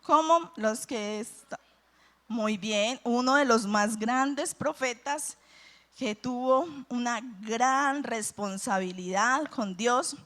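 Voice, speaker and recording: A woman's voice: fairly high pitch, slow, pushed and bright. A woman preaching a sermon at a church service, reading scripture and asking her listeners questions in a conversational way. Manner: conversational, asks the congregation questions.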